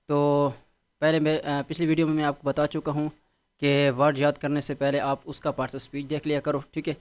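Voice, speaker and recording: A man with a fairly high-pitched voice gives a vocabulary lesson. He explains patiently, stopping often to check that his students follow. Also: completely flat delivery, clear, resonant tone. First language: Urdu. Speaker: English teacher.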